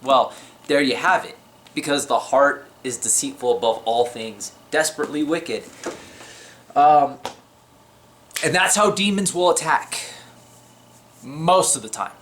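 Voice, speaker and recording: A man's voice: fairly high pitch, unhurried, pauses often, fairly bright tone, a little hiss or hum. A man talking casually to camera about faith, chatty and unscripted, his voice slightly shaky. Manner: chatty, unscripted, with many fillers and restarts. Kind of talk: casual religious talk to camera.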